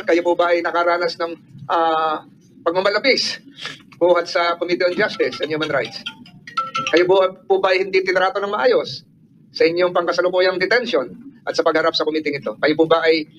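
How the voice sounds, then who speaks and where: A man chairing a hearing, asking formal, measured questions with polite hesitations. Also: high voice, fairly bright tone. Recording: slightly muffled hearing audio.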